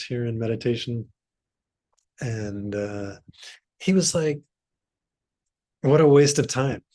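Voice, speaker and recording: A man leads a meditation group, speaking slowly and easily, pausing often as he thinks aloud. His voice is of middle pitch and sounds dry and close, as on a video call. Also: dry recording. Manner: relaxed, unhurried, thinks aloud with pauses. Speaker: meditation teacher. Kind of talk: casual talk to a meditation group.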